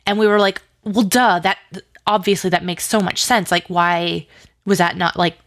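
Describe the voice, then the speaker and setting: A woman who writes and produces audio drama is interviewed about her creative work, chatting informally and effusively in tumbling asides. She speaks at a normal speed in a lowish, steady voice that is a bit bright.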